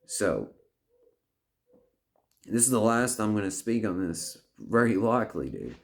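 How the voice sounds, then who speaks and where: A man in his thirties with a lowish, creaky voice speaks a little slowly in a sing-song manner. Facing the camera, the vlogger delivers a sincere, rambling monologue of life advice, swearing often and restarting sentences.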